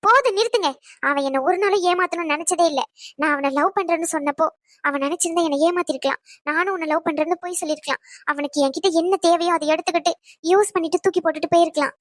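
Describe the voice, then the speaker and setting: A woman voicing an indignant young bride in a cartoon, scolding in a sharp, rapid way. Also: extremely high pitch, dry recording, clean studio sound. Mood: defiant. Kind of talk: cartoon voice acting.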